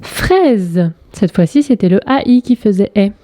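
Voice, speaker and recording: A woman teaching very young pupils, correcting a worksheet and spelling out letters and sounds slowly and clearly. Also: medium pitch, expressive, mellow. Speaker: primary school teacher. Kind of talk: slow, clearly articulated lesson correction for young children.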